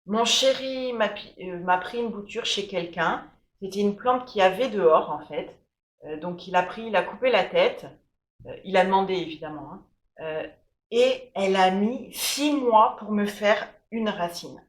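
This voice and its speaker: A woman's voice: medium pitch, unhurried. A woman giving an enthusiastic, chatty tour of her houseplants, with plenty of fillers. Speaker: plant vlogger. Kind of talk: casual plant tour. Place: room at home. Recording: echoey room.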